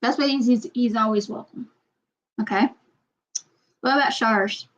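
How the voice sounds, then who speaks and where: A woman's voice: on the high side, steady tone, unhurried. Rambling woman chatting on a lo-fi stream. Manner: rambling, repeats herself, reads viewer comments. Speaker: channel host. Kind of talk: casual livestream chat. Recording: dull lo-fi sound.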